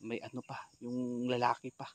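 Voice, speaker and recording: A man hosting a ghost-hunting vlog, talking straight to his viewers and swinging from hushed, nervous asides to loud, alarmed shouting. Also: mid-range voice, completely flat delivery, moderate pace, slight background noise. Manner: talks straight to viewers as "idol". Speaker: ghost hunter vlogger.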